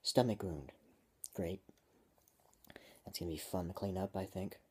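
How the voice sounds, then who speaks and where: A man's voice: sits low, steady tone, a little slow, a little mellow, breathy edge. A man reading his own story aloud, stopping often to joke and comment on his writing. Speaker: amateur writer and vlogger.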